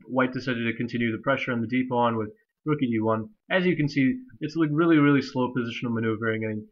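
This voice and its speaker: Young guy with a nasal allergy voice going over chess moves, flat monotone, kinda muffled home mic. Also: mid-range voice. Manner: rambling, many fillers, hesitant restarts. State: stuffy from allergies. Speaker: chess commentator. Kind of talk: casual chess game analysis. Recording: slightly dull lo-fi recording.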